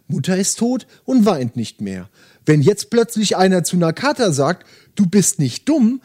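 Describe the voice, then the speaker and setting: Casting: man voicing earnest, childlike old man in his sixties, lively pitch, for a book reading. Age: 60s. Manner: speaks of himself in the third person, plain and earnest. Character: simple-minded old man, gentle, childlike.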